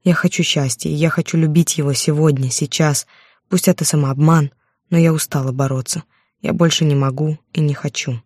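A woman narrating a first-person romance novel in a steady storytelling voice, on a close microphone. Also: low voice, moderate pace, no echo. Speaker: audiobook narrator.

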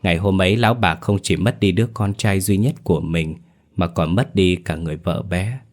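A man narrating a scripted horror story in a measured, steady storytelling manner. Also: low-pitched. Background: soft background music.

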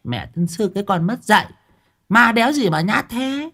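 A defiant old village woman curses with scorn and fears nothing, as a male storyteller puts her on. Her voice swings widely in pitch. She lives alone and talks coarsely. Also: lively intonation, moderate pace, bright, forceful tone, full character voice. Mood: scornful. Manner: coarse, scornful, swearing boldly.

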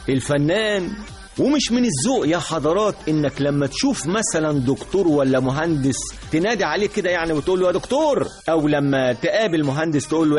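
A man with an Egyptian accent giving a chatty, mock-aggrieved comic radio monologue, speaking straight to the listeners. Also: fairly high pitch. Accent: Egyptian Arabic. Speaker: radio comedy presenter.

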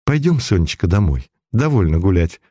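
A man's voice: deep voice, big pitch swings, moderate pace, warm tone, slightly rough, no room sound, studio quality, exaggerated voice. A man voicing a trembling young woman. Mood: frightened. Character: frightened young woman, beautiful daughter.

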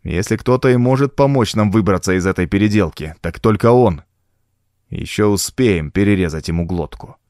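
A man's voice: on the low side, moderate pace, a little mellow, no room sound, clean studio sound, lightly acted. A man voicing a frightened, scheming male pirate leader in an audiobook, with an anxious, muttering manner.

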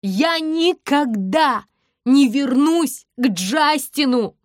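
A woman voicing an emotional young heroine in an audiobook, outspoken and raising her voice high. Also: animated, very slow, no room sound, studio quality, exaggerated voice. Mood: shouting. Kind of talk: audiobook character voice.

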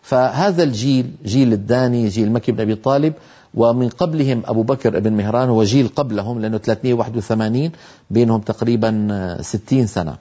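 A man teaching a tajweed lesson on Quran recitation, explaining patiently and slowly sounding out example syllables. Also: mid-range voice, dark tone, dull audio.

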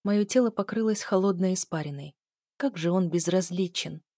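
A woman narrating a novel in the first person, in a calm, even reading voice on a close mic. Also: fairly low pitch, normal speed, no room sound. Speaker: audiobook narrator.

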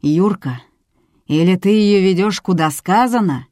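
A woman puts on a boorish older male police duty officer in an audiobook, barking orders in a slow, heavy drawl. The voice sits low and warm, close and dry. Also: dry recording, lightly acted. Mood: yelling.

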